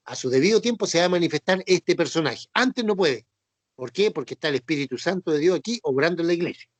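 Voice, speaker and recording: A man delivers a Bible teaching sermon in a high voice. He repeats his points patiently and keeps asking if the listeners follow. The sound is dry and close, with no room echo. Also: expressive, fast talker. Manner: repetitive, checks understanding with tag questions. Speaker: preacher.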